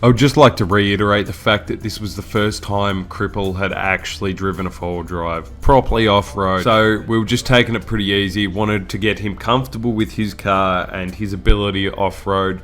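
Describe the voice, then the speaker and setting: An Australian man narrates in a somewhat low voice. It is a casual voice-over recap, told in everyday words. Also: steady tone, normal speed, hardly any pauses, fairly bright tone, soft background music. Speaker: host narrator.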